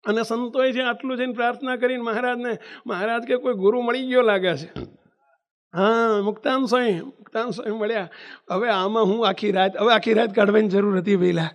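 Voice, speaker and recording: A man's voice: sits high, fairly even intonation, a little fast. A male preacher, giving a devotional sermon and telling a story, full of emphatic rhetorical questions and pleading repetition. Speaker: religious preacher.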